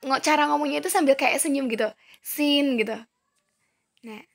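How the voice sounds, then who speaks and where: A woman's voice: high-pitched, a little fast, creaky. A woman teaching a recorded online lesson, patiently modeling pronunciation and saying each word twice. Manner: patient, explanatory, addressing students as friends. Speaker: Arabic teacher.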